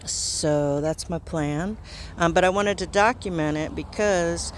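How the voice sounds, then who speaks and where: A man narrating a casual vlog outdoors in a garden, thinking aloud in a halting way. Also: on the high side. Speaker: gardening vlogger. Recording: outdoor ambient noise.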